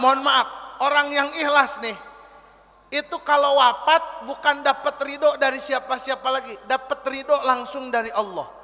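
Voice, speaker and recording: A man preaching a sermon to a gathering. He speaks emphatically, often shouting, and chants verses in Arabic. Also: extremely high pitch, big-room sound. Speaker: Islamic preacher. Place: religious gathering with an audience.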